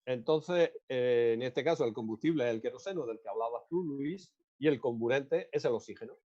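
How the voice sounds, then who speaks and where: A man's voice: mid-range voice, a little fast, warm tone. A man on a live science panel, explaining a concept in plain teaching terms. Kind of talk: live stream panel talk. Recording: dull, muffled sound.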